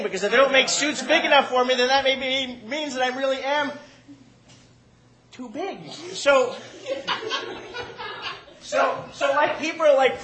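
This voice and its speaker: A man's voice: very high voice, roomy sound, rough recording. A man telling a comic story to a live audience, profane and self-mocking, often laughing while he talks.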